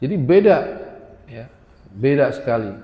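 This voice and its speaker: A man's voice: medium pitch, big pitch swings, a little slow, dark tone. A man, teaching a religious lesson on Quran recitation and chanting Arabic verses, often tagging his sentences with "ya". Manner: chants Arabic verses, then explains with frequent "ya". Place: prayer room. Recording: echoey prayer hall.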